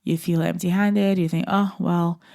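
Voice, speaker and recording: A woman's voice: on the low side, steady tone, normal speed, gravelly, darkish tone, no echo, clean studio sound. A woman from Barbados hosting a solo podcast, reflective, repeating her phrases and dropping to a whisper for emphasis. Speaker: podcast host.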